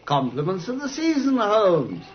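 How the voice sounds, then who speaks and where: Hearty British Doctor Watson, very animated. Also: male voice, sits high, unhurried, heavily acted. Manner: hesitant, blustery, repeating himself. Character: Doctor Watson, hearty, fussy, bumbling gentleman doctor friend. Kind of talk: old-time radio drama acting and narration. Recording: muffled, slightly noisy old radio recording.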